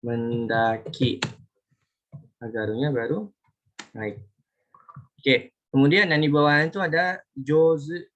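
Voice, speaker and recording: A man from Indonesia teaching a relaxed online Japanese class, chatty and often correcting himself as he talks. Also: a little high, moderate pace, pauses often, muffled recording, a little hiss or hum. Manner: chatty, self-correcting, talks to students directly. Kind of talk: casual online class lesson.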